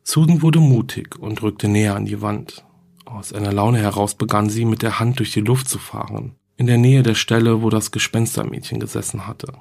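Low, gravelly male storyteller. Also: a little mellow. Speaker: narrator. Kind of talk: storybook narration.

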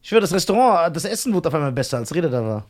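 A man's voice: on the high side, sing-song, very fast, a little mellow. A man hosting a podcast in casual chat, teasing his friends playfully. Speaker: podcast host.

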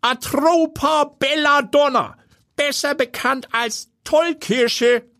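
A slow, lecturing old grandpa. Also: male voice, very high-pitched, pushed and bright, pitched above the performer's own voice, full character voice. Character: elderly grandfather, lecturing, dry and knowing.

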